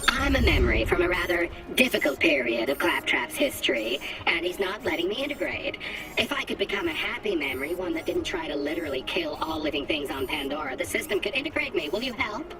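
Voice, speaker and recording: A woman's voice: on the low side, very animated, a little fast. A woman voicing a cheerful, chatty female robot memory that carries a deadly turret, with a robotic voice effect. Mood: eager. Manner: eager, chatty, apologetic. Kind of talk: video game dialogue. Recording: distant voice under loud game music.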